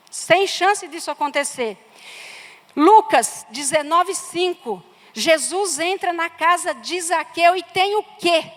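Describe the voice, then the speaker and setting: A woman's voice: very high voice, a bit bright. A woman with a Brazilian Portuguese accent preaching a sermon, telling a personal story with emphatic repetitions. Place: church sanctuary. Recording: church hall reverb.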